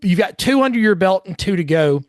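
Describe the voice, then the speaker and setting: A man hosts a podcast in a chatty, friendly way, with restarts and uhs. His voice sits fairly high for a man. The sound is dry and close to the mic. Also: lively intonation, a little fast, no room sound. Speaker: podcast host. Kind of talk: casual interview.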